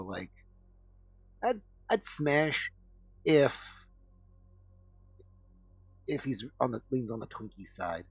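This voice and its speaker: A low-voiced man with a gravelly, husky edge, rambling crudely through casual comedic commentary. The sound is dull and lo-fi, very dry and close. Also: a bit bright, no room sound. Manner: crude, rambling, full of fillers. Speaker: podcast host.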